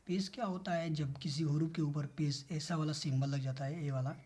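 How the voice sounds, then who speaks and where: A man with a mellow, relaxed tone gives a beginner alphabet lesson. He works through letter drills in a steady chant. He poses questions and then answers them himself, the way a teacher does. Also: fairly high pitch. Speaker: Urdu teacher.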